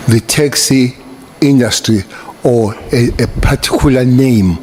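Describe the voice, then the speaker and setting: A man's voice: mid-range voice, unhurried, darkish tone. A South African man giving short, terse answers as a witness at a formal hearing. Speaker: government minister testifying. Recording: noisy hearing room ambience.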